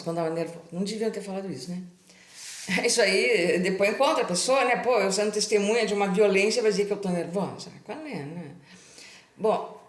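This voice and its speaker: Speaking in a mid-range voice with a Brazilian Portuguese accent, a middle-aged channel host from Brazil chats with her viewers while sharing a personal story. She often tacks on tag questions, and the room echoes.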